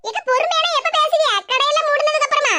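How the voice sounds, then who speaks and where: A woman's voice: extremely high pitch, fairly even intonation, fast, loud music behind the voice, pitched above the performer's own voice. Woman doing a cheeky gossiping village auntie. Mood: teasing. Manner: cheeky, giggly teasing. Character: teasing, gossipy middle-aged village woman. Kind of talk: cartoon voice acting.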